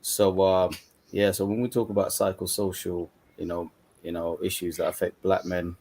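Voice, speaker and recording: A man's voice: low-pitched, level tone, normal speed, dark tone, a little hiss or hum. A man raised in Uganda and the UK, a guest on an online panel, talking casually and often saying "you know". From Uganda, then UK. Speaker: coach and mentor, panel guest. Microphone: video call.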